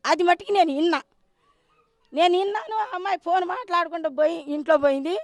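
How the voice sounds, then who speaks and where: A woman's voice: very high-pitched, quick pace, no room sound. A middle-aged woman giving an urgent eyewitness account to a news reporter, acting out what people said. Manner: urgent, vivid retelling with voiced quotes. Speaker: villager eyewitness.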